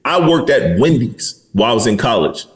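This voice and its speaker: A man's voice: medium pitch, very animated, moderate pace. Podcast host, man in his 40s, blunt and candid, casual delivery.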